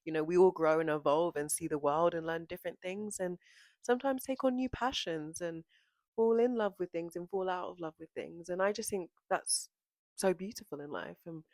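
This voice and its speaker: A young woman hosts her own show, talking casually and earnestly with plenty of likes and ums. Her voice sits fairly low for a woman. The sound is close and dry, with no room around it. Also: moderate pace, a little mellow, dry recording. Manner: chatty, earnest, lots of fillers, acts out quotes. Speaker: podcast host. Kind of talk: casual unscripted monologue.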